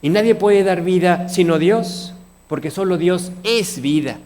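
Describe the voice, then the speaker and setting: A man's voice: sits high, measured pace, a little mellow. A man with a Mexican Spanish accent preaching a sermon, earnest, often asking his congregation questions. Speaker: pastor.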